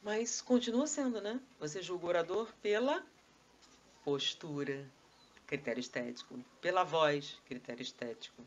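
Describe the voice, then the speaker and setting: A woman's voice: fairly low pitch, normal speed, dull audio. A woman with a Brazilian accent giving a live spiritist lecture, full of rhetorical questions and conversational asides. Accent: Brazilian Portuguese. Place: spiritist society meeting hall.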